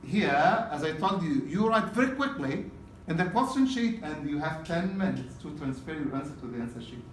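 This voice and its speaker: A man's voice: on the high side, expressive, moderate pace, slight background noise. A man teaching a test-prep class in a casual lecture style, often checking in with "okay?" and repeating key points. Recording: roomy classroom from a distance.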